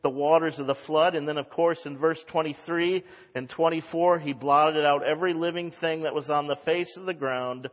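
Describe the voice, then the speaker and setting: Male pastor, pulpit microphone, church sanctuary with long reverb, reads scripture and explains it, higher voice. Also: fairly even intonation, moderate pace. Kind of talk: expository sermon.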